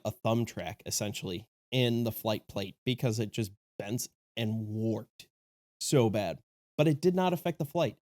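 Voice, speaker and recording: A man with a slightly sick, off-sounding voice hosts a casual review vlog. He is chatty and enthusiastic and jokes as he goes. His pitch sits in the middle, and the recording is dry and close, with no room echo. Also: a little mellow. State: sick, voice a little off. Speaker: disc golf video host.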